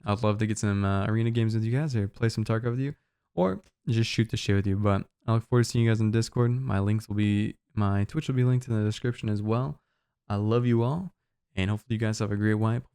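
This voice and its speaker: A man's voice: lowish voice, quick pace, clean tone. Breathless young man explaining game maps. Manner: relaxed, loose, filler-heavy explaining. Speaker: streamer explaining game map callouts. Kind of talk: casual game guide narration.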